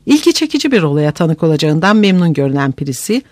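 A narrator reading a novel aloud in an expressive, dramatic manner. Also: medium pitch, quick pace, no room sound. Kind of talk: audiobook narration.

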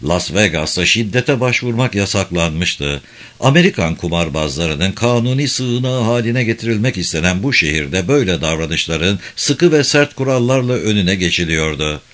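Male narrator, low voice, steady audiobook reading, novel narration. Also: moderate pace.

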